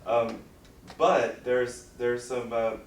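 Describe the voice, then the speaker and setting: A man questioning as an academic examiner, informal and halting, softening his critique as he builds toward a question. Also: medium pitch, fairly even intonation. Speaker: academic examiner at a dissertation defense. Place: echoey room, recorded from a distance. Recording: echoey room, distant mic, faint noise.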